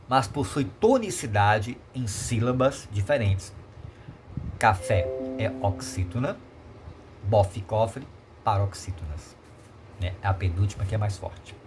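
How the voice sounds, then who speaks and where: Brazilian male teacher, remote lesson, animated pitch, repeats and checks understanding, faint noise. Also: measured pace. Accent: Brazilian Portuguese. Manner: repetitive, explanatory, checks in with tag questions. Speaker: Portuguese teacher.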